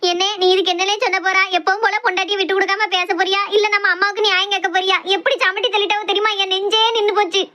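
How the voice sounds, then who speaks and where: A shrill young sister-in-law, played by a woman, accusing her family in Kanyakumari Tamil. Her voice is very high and bright, and she fires her lines off fast. She is a melodramatic character from a family comedy skit. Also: flat delivery.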